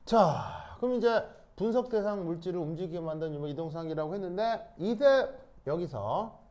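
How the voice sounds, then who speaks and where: A man's voice: high voice, expressive, moderate pace, darkish tone. A man teaching a chemistry lesson in a classroom, talking casually and often asking his students whether they understand. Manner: checks understanding with repeated questions; casual, mixes in English words. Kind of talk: classroom lecture.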